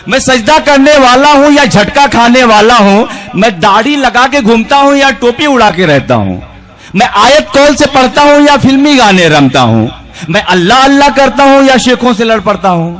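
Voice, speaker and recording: With a very high, somewhat bright voice, a man declaims poems in rhythmic verse, complete with refrains, into a stage mic. It's a poetry evening on a big outdoor stage with a crowd watching.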